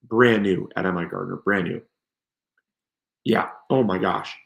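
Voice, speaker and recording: Gravelly, enthusiastic male seed-show host. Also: deep voice, unhurried, a bit bright, reverberant. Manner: enthusiastic, gushing. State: strained, tired voice from coughing. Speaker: gardening channel host. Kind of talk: live stream product showcase.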